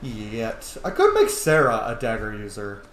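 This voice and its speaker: This man's voice is lowish and a bit bright, with wildly swooping pitch and a measured pace. He's a gaming video host giving informal, chatty commentary on a roleplay game as he plays. The sound is roomy with faint noise.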